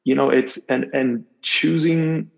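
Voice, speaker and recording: A former athlete and coach appears as a podcast guest, candidly sharing personal stories in a conversational way, repeating phrases for emphasis and acting out quotes. His medium-pitched voice is gravelly and steady, and he takes his time. The audio sounds dull.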